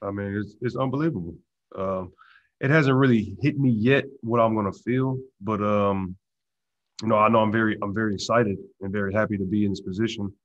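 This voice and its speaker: A young man answering press questions in a relaxed way, full of "you know" fillers. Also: fairly low pitch, fairly quick, dry recording. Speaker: football player answering press. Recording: dull lo-fi video call audio.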